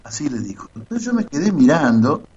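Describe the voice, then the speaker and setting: Husky Argentine man telling a story. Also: mid-range voice, very animated, a little fast, darkish tone. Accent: Argentine Spanish. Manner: storytelling, quoting others animatedly. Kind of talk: casual radio commentary. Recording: muffled lo-fi sound.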